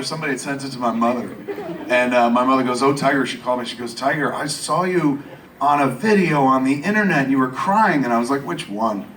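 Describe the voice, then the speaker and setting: A man's voice: a bit bright, a little hiss or hum. Profane man telling a story at a live Q&A. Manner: swears constantly, jumps to high voices quoting others. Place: live Q&A event in a venue. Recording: roomy venue sound from a distant mic. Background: faint audience laughter and ambience.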